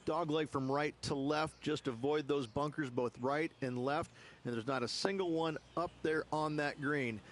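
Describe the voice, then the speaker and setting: A man's voice: a little high, moderate pace, lightly acted. A man playing a golf commentator, giving conversational expert analysis in a video game broadcast. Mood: assured. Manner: conversational, explanatory. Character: knowledgeable male golf booth analyst. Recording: faint background noise.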